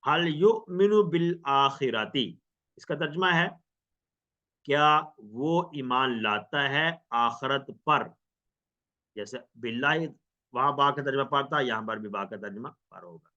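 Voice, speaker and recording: Slow, bright-voiced man teaching a lesson. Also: medium pitch. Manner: patient, drills phrases with question and answer. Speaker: Arabic teacher. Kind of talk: recorded grammar lesson. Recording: dull lo-fi recording.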